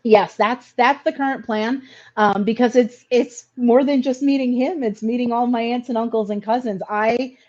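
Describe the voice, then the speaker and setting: A woman's voice: a little high, steady tone, normal speed, a little mellow, muffled recording. A middle-aged woman telling a personal story in an interview, earnest and hesitant, often repeating words as she goes.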